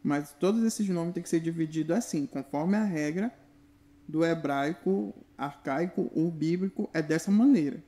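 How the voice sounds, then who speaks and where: A man's voice: on the high side, moderate pace, dark tone. A man, giving a direct, instructive video lesson to the viewer. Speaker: religious teacher.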